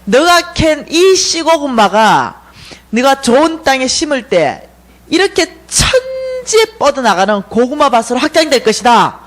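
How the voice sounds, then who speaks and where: A woman voicing three solemn heavenly messengers from a dream, speaking in slow, weighty, commanding pronouncements. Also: high-pitched, very animated.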